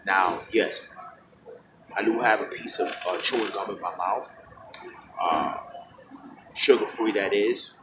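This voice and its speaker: Low-voiced man rambling casually over traffic noise. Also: a little slow, pauses often. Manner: rambling, full of fillers and self-corrections; frank, plain-spoken. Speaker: vlogger. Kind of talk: casual talking-to-camera monologue. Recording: steady background noise with passing vehicles.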